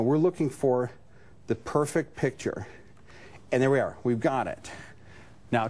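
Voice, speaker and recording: A man's voice: mid-range voice, a little mellow. A man presenting on a home shopping show, explaining a product step by step in loose, conversational talk peppered with "you know". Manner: explanatory, conversational, frequent 'you know'. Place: TV shopping studio. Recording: noticeable background noise.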